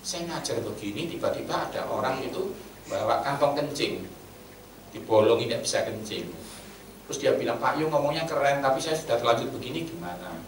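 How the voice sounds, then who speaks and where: A man preaching a sermon in Javanese-tinged Indonesian, blunt and animated, swinging between loud outbursts and hushed asides. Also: medium pitch, fairly quick. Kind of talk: sermon with storytelling. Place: church meeting hall. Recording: roomy echo, from a distance, faint background hum.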